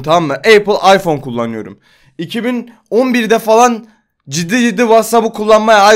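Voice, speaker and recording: A man in his twenties ranting on his vlog, exasperated and swearing, repeating himself. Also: sits high. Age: 20s. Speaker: vlogger.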